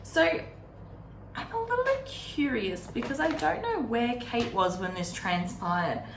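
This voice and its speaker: Gravelly and on the high side, her very animated voice moves at an unhurried pace. She hosts a book readalong series from a desk indoors, chatty and wry, with plenty of asides, captured by a camera on or near the desk in a room with echo and background noise.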